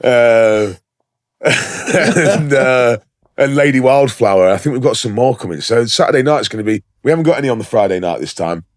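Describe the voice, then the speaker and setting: A man's voice: medium pitch, animated, normal speed, dry recording, clean studio sound. A man co-hosting a casual podcast, rambling and sweary, full of ums and fillers. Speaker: podcast co-host.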